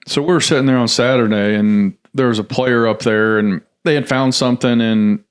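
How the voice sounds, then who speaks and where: This former football GM from Tennessee, middle-aged and appearing as a podcast guest, speaks with a medium-pitched, steady, clean voice at a moderate pace. The interview is casual, and his tales of past work wander, full of fillers and fresh starts.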